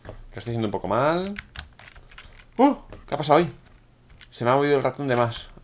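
A man from with a hoarse voice, chatting excitedly to viewers while commentating his own gameplay. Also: mid-range voice, brisk, slight background noise. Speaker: gaming YouTuber.

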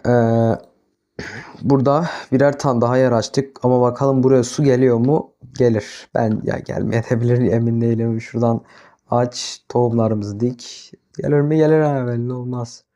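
A young man commenting on his own gameplay in a mellow, dark-toned voice at a middling pitch. He mutters to himself as he works and often bursts into exasperated scolding. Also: fairly even intonation, moderate pace. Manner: talks to himself, flares into exasperated yelling at the animals. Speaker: gaming YouTuber. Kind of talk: casual Minecraft let's-play commentary.

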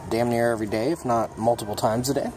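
A young mechanic gives a casual show-and-tell vlog touring his toolbox, filming first-person on a handheld phone inside an auto repair shop. He has a middle pitch, talks fast, and stays relaxed and plainspoken, with frequent ums and uhs. A steady hum of air conditioning and passing vehicles is clearly audible behind him.

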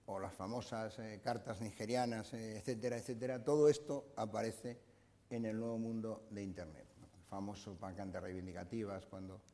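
An older man lectures to a room, talking in a mellow, dark voice and filling his pauses with "eh". His speech rings with the long reverb of a lecture hall. He is recorded on a lapel mic. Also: fairly low pitch, fairly even intonation. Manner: explanatory, frequent "eh" fillers and restarts. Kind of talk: conference talk.

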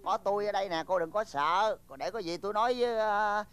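An older man with a Southern Vietnamese accent playing a boastful, stubborn village father in a comedy film, exclaiming loudly. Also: sits high, fast talker, clean tone, no room sound. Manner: blustery, exclaims loudly, lively swings. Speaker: film actor.

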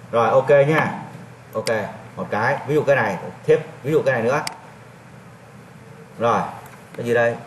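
A male teacher walking a class through software steps, repeating each step as he clicks. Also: mid-range voice, a little hiss or hum. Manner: repetitive, talks while clicking through steps. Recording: echoey classroom, mic at a distance.

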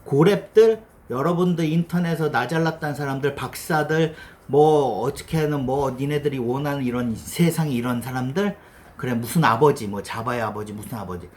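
A man's voice: medium pitch, moderate pace, a little mellow. A middle-aged man lecturing casually as a developer, blunt and teasing, swearing now and then and acting out quoted asides. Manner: voices his past self and others in quoted asides. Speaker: developer giving career advice.

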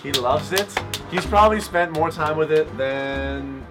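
A man's voice: on the high side, a little slow. A young man co-hosting a casual word game video with joking, slangy banter. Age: young adult. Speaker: challenge video co-host. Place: outdoors against a house window. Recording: background music under the voice.

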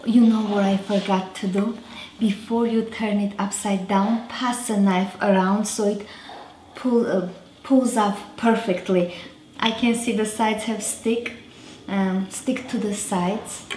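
A woman in her thirties with an Armenian accent, hosting a casual cooking demonstration in chatty, self-correcting, halting English. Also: medium pitch, steady tone, dark tone, slight background noise. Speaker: cooking show host. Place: roomy home kitchen, indoors. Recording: echoey kitchen with background music.

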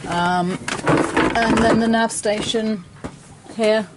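A woman giving a relaxed, chatty tour of her sailboat, filling gaps with ums. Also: on the high side, slow pace. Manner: chatty, relaxed, lots of ums and "bits and bobs". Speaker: boat owner giving a tour. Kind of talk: casual explanation. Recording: handheld camera with clear background noise.

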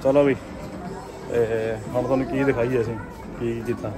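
A man's voice: medium pitch, flat delivery, normal speed, music in the background, a crowd in the background, rough recording. A man vlogging in a busy shopping mall, speaking casually and teasing while he talks to viewers on a handheld phone. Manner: chatty, teasing, addresses viewers. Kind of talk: casual vlog chat. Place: large indoor shopping mall.

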